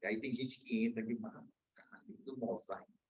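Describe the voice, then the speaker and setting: A man's voice: medium pitch, steady tone, fast talker, a little mellow, husky, lo-fi sound. A man from Brazil, a law professor, giving a university lecture in a casual, slangy way with anecdotes. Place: lecture room.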